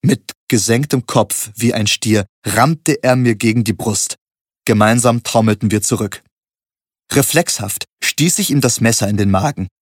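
A man's voice: medium pitch, unhurried, breathy edge, no room sound, studio quality. Man reading a gritty audiobook. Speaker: narrator. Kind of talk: first-person audiobook narration.

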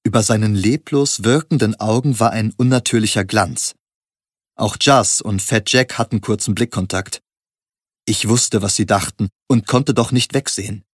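A man giving a steady, measured first-person audiobook narration. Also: lowish voice, breathy edge, dry recording, clean studio sound.

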